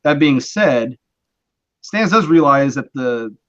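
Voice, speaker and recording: A man's voice: mid-range voice, lively intonation, slow pace, fairly bright tone, muffled recording. A man hosting a casual live-stream chat, explaining his views in a rambling, conversational way with many restarts. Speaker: host.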